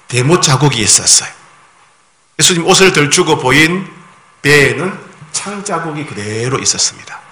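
A man preaching a sermon as pastor. He keeps asking the congregation questions, reads scripture slowly and solemnly, and acts out the voices in the story. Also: fairly high pitch. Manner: animated, often asks the congregation questions; slow, solemn scripture reading.

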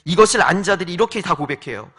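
A man's voice: high-pitched, quick pace, husky. A male pastor preaching a sermon in a church, asking his congregation questions and repeating his points with pleading emphasis. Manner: lively, rhetorical questions, pleading repetition. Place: church sanctuary.

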